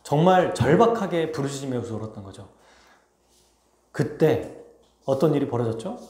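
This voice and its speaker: Animated Korean-church pastor preaching. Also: male voice, mid-range voice, normal speed, roomy sound. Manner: animated expository preaching, acting out scenes. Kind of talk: sermon. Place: church sanctuary.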